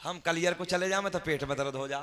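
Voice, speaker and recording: A male preacher with a bright, forceful voice sitting a little high for a man. He delivers an impassioned devotional sermon, moving between quiet talk and loud declaiming. He keeps urging the crowd to answer him. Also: a little fast. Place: religious gathering with a crowd.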